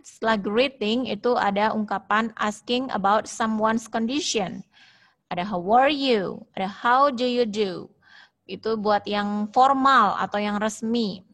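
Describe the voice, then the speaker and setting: A woman English teacher with an Indonesian accent, teaching an online class and modelling phrases slowly. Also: a little high, fairly bright tone. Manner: explains at length, repeating and modelling phrases slowly. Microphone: video call.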